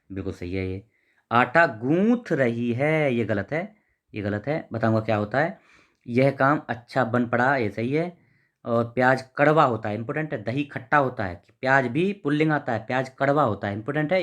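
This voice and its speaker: A man teaching, reading out each exam question and its options, then correcting the wrong ones with informal, repetitive explanations. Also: mid-range voice. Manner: informal, repeats words, reads out options and corrects them. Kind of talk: explaining test answers.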